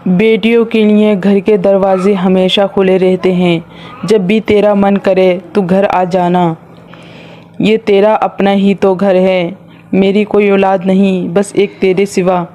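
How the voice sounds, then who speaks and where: A man voices a loving, gentle father in a storybook tale. He speaks softly and evenly, with a warm, mellow tone that keeps to a narrow, level pitch. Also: level tone, slow pace, a little hiss or hum. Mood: tender. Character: loving father bidding his daughter farewell.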